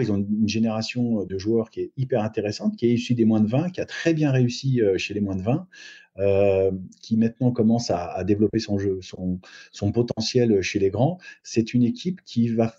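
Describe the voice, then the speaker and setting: A man's voice: fairly low pitch, warm tone, slightly rough. A middle-aged man as a podcast guest, giving thoughtful rugby analysis with many hesitations and restarts. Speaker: guest sports agent. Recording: muffled lo-fi recording.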